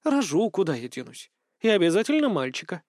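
Male reader plays young bride, high-pitched, tearful, whiny; audiobook. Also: big pitch swings, brisk, a little mellow, no room sound, clean studio sound. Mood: playful.

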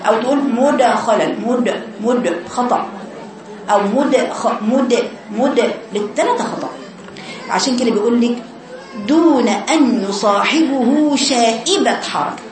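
A woman with an Egyptian accent teaching tajweed to girls, slowly repeating sounds to demonstrate and correcting mistakes. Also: on the high side, reverberant, low-quality recording. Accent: Egyptian Arabic. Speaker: Quran recitation teacher.

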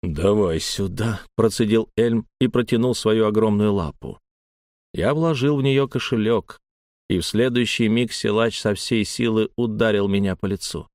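A man narrating a first-person story as an audiobook in a calm, even delivery. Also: on the low side, moderate pace, no room sound, studio quality.

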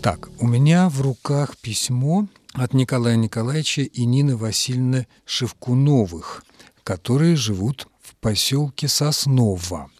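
A man on a radio studio program answering listeners' letters as a language expert, explaining in a measured, lecturing way. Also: mid-range voice, a little mellow.

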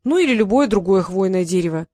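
A woman's voice: mid-range voice, lively intonation, fast talker, mellow, dry recording, studio quality, lightly acted. A woman doing a nervous young apprentice mage. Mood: eager.

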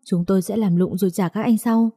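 A woman's voice: mid-range voice, steady tone, brisk, dark tone, slightly rough, no echo, clean studio sound. A woman reading aloud, voicing a young wife who pleads and resists. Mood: pleading. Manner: pleading, defiant. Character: frightened young wife pleading for her husband.

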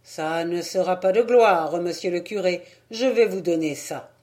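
A woman's voice: on the low side, a little slow, darkish tone, natural voice. Woman reading a plain, obliging village weaver man.

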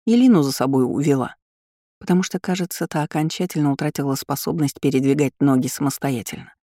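A woman narrating a first-person fantasy audiobook in a calm, wry, even way. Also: low voice, quick pace, no room sound, studio quality.

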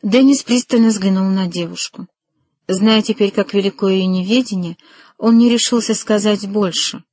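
A woman calmly reading a novel aloud as an audiobook narrator, in a measured way. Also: mid-range voice, no room sound. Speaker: audiobook reader.

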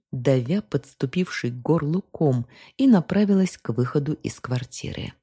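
Brief: female audiobook narrator, dark tone, lively intonation. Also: very deep voice, slightly rough.

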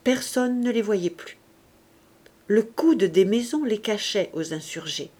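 Female audiobook narrator, measured even reading of a classic novel. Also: mid-range voice. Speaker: audiobook reader. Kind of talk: scripted narration.

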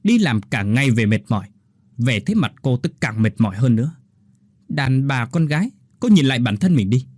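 A man's voice: mid-range voice, sing-song, brisk, darkish tone, no echo, studio quality. A man voicing an arrogant, angry husband who scolds his wife harshly and with contempt. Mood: contemptuous anger. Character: angry arrogant male sales director husband.

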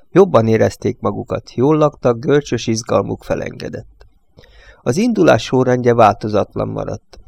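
A man narrating a novel as an audiobook in a steady, even reading voice. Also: fairly low pitch, creaky, no room sound.

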